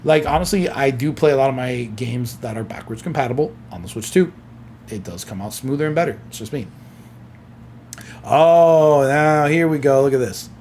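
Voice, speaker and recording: Male streamer, mid-pitch, drowsy and yawning, reads news aloud and reacts casually; faint hum of room ambience behind. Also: animated, quick pace, a little mellow. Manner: chatty, reacts with exclamations between read-out passages. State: sleepy, yawning. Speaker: gaming streamer. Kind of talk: reading articles aloud with casual commentary.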